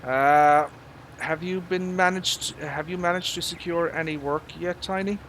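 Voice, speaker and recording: A man's voice: a little high, fairly even intonation, unhurried, a bit bright, slight background noise. A middle-aged Irish man chatting casually with viewers while he plays, rambling with lots of fillers and mild swearing. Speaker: live game streamer. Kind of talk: casual live-stream chat while gaming.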